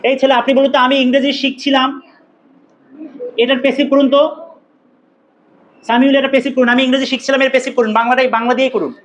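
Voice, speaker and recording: Young guy teacher w a really high voice, lots of questions to the class, slight hiss in the room. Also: quick pace, pauses often, lo-fi sound. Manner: lively, questioning, repeats key points for students. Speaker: English grammar teacher. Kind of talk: classroom lecture with questions to students.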